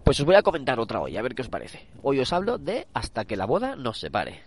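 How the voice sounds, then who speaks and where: A man's voice: medium pitch, wildly swooping pitch, quick pace, heavy background noise. Man, Castilian Spanish accent, nasal, blocked nose from a cold, casual podcast chat, hesitant and rambling. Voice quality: nasal, congested voice. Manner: rambling, hesitant, self-correcting. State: stuffed-up with a cold. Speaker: podcast host. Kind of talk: casual chatty podcast recommendation. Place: out walking a dog.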